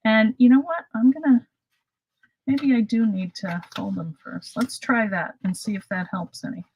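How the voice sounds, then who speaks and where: A woman's voice: a little high, moderate pace, darkish tone, husky, low-quality recording. A middle-aged woman hosting a casual live craft demonstration, chatty and self-deprecating, laughing at her own slips. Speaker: craft host.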